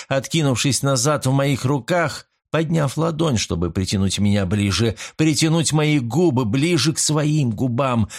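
A man reading a first-person novel aloud with a hushed, intimate, drawn-out delivery. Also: mid-range voice, creaky. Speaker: audiobook narrator.

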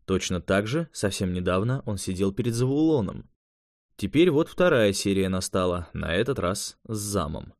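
A man narrates fiction in a low voice with lively, expressive intonation. His reading is measured and even-paced. The sound is close and dry, without any room echo. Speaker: audiobook narrator. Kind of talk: scripted narration.

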